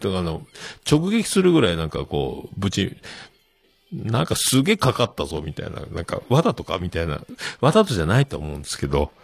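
Husky middle-aged man, lilt. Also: low-pitched, huge pitch swings, a little fast, dry recording, soft background music. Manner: rambling, full of fillers, chuckling at himself. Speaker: show host. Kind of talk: casual solo talk.

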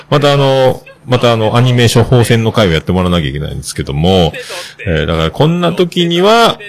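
Deep-voiced man rambling on a podcast. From Fukuoka, Japan. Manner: rambling and chatty, with many hesitations. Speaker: podcast host. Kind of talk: casual solo podcast talk.

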